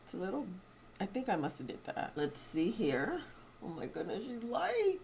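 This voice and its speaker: A woman's voice: lowish voice, big pitch swings, moderate pace, vocal fry, darkish tone, a little hiss or hum. A woman beauty vlogger chatting casually and expressively to her viewers while testing makeup. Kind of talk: casual beauty vlog chat.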